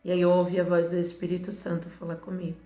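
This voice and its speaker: A woman missionary giving a soft, emotional faith testimony that often drops into hushed, faltering passages. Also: lowish voice, completely flat delivery, fast talker. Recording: roomy echo with faint background music.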